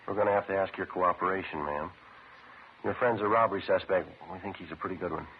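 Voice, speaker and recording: An actor playing a terse, businesslike police sergeant in an old radio crime drama, narrating and questioning in clipped, deadpan, matter-of-fact style. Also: male voice, deep voice, fast talker, slight background noise, natural voice. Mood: flat, polite. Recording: old muffled radio recording with music.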